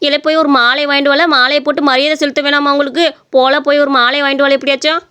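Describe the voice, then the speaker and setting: A nagging cartoon grandmother, voiced by a woman scolds in a quick, bright voice. She speaks fast and firmly. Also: high voice, level tone. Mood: coaxing. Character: grumpy older woman, a grandmother. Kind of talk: cartoon voice acting.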